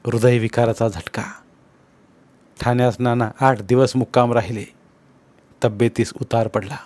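Measured male audiobook narrator. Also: mid-range voice, darkish tone. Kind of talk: novel reading.

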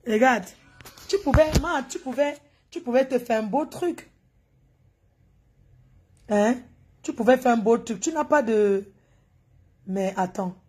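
A woman mocks someone in a video and talks straight at her in a scolding, teasing way. Her voice is fairly high and husky. She speaks as a gossip channel host giving running commentary. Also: animated, slow pace, long pauses, darkish tone. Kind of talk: mocking commentary over a video.

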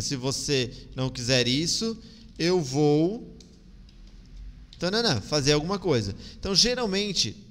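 A man's voice: fairly high pitch, a bit bright, in a large hall. A Brazilian man teaching English in a live online lesson, patiently repeating phrases and drilling pronunciation with a Brazilian Portuguese accent.

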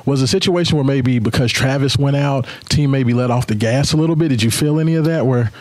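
A man, a reporter, asking a long question at a press conference in halting phrases with fillers. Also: mid-range voice, darkish tone, dry recording.

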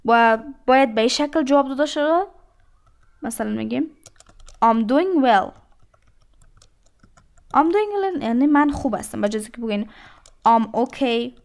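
A woman gives an English lesson in a notably high voice. She reads each English phrase slowly and carefully, then explains what it means. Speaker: English teacher. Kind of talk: language lesson.

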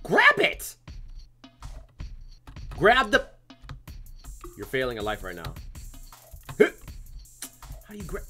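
A man doing let's play commentary, excitable and yelling at the game. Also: fairly high pitch, slow, pauses often, soft background music. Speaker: gamer.

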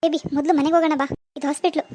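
Woman doing a bossy rich mom in a cartoon, scornful and pushy, very high voice, talks fast. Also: level tone, mellow, lightly acted. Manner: scornful, dismissive, brash. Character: rich, haughty mother of adult daughter. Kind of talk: Kannada cartoon drama voicing.

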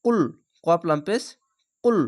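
Male teacher, spelled-out recitation lesson; patient, methodical, clear resonant tone. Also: high-pitched, measured pace, a little mellow. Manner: patient, spells each letter and vowel, then blends the syllables. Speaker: Quran reading teacher.

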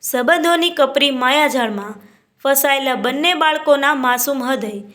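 A woman with a high voice tells a story as a storyteller. She reads it as scripted narration. She speaks every character's lines in her own voice without putting on voices. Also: normal speed, a bit bright.

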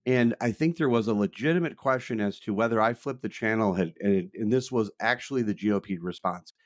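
A middle-aged man co-hosting a political podcast, telling lively stories and laughing easily. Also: fairly low pitch, brisk, no room sound, studio quality. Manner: animated storyteller, laughs easily. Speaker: podcast co-host. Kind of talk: casual political chat.

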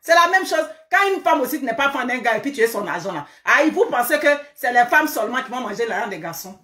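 A woman holds forth in a live online commentary, her voice pitched high as she scolds and repeats herself for emphasis. She keeps throwing out rhetorical questions. The room around her rings with echo. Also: big pitch swings, fast, pushed and bright. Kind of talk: live social media commentary.

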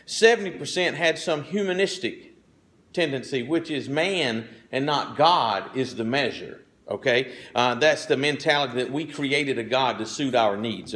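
A middle-aged male pastor delivers a sermon in a loose, folksy manner, tossing in asides and checking in with the congregation. He clears his throat often as he goes. His voice sits somewhat high for a man. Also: fairly bright tone. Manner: folksy, conversational preaching with frequent asides.

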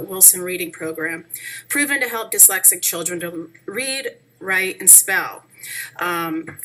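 A woman in her forties, a parent giving a hesitant statement at a school board meeting, pausing often with ums and uhs. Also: mid-range voice, sharp tone, slight background noise, rough recording. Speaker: parent speaking at public comment. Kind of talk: partly read public statement. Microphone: table microphone.

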